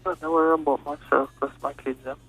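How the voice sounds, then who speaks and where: A man's voice: fairly high pitch, little pitch movement, fast talker, vocal fry, a bit bright, slightly rough, faint music behind. A man in his thirties, a guest in casual chat, giving brief agreeable replies. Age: 30s.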